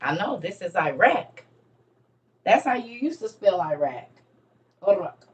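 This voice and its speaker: A woman's voice: medium pitch, very animated, measured pace, far from the mic, muffled recording. A woman giving an emphatic, repetitive casual lecture to her viewers, teaching as she reads. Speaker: online teacher on religion and history.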